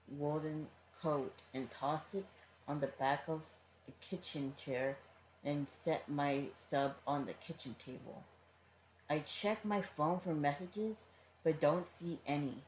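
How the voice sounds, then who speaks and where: Reading first-person fanfiction aloud in a casual style, this fan often trips over words and breaks off for offhand comments. The voice is mid-range with a darkish tone. There's a roomy feel and faint background noise.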